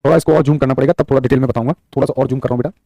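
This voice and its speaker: A man's voice: mid-range voice, steady tone, racing, warm tone, no echo. A male teacher running a live online exam-prep class on a studio mic, repeating points and calling his students son and brother. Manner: repetitive and affectionate, calls students son and brother; reads viewers' chat aloud. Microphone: studio microphone.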